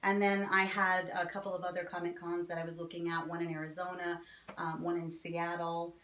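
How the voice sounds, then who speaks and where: A woman's voice: fairly low pitch, level tone, a little fast, a bit bright. A woman in her forties with a New Jersey accent, chatting in an upbeat, easy way as an author being interviewed. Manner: chatty and upbeat, laughs easily. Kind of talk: casual interview chat. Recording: roomy with faint background noise.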